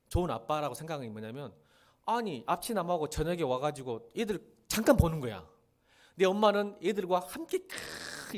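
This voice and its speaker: A middle-aged man preaching a sermon as pastor, acting out quoted voices and swinging between loud emphasis and quiet asides. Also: a little high.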